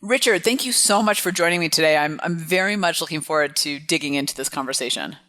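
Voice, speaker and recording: A woman's voice: low-pitched, quick pace, a bit bright, no room sound. A woman hosting an interview podcast, upbeat and enthusiastic as she opens the show and asks about her guest's journey. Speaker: podcast host.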